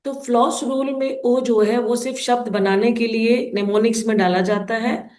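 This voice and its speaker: A woman's voice: a little high, fairly even intonation, a little slow, darkish tone, roomy sound. A woman explaining phonics rules to teachers in an instructional lesson, sounding out letters one at a time.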